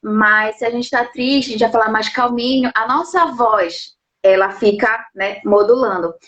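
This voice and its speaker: High-voiced woman explaining patiently. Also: unhurried, fairly bright tone. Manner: explains patiently, leans on tag questions. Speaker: sign language interpreter and lawyer. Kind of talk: explanatory live interview talk. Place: at home.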